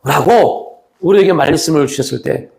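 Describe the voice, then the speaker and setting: A man preaching a sermon as a pastor, moving between raised, pressing appeals and low, hushed lines. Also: normal speed, creaky. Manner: acts out quoted speech of Jesus and the young man.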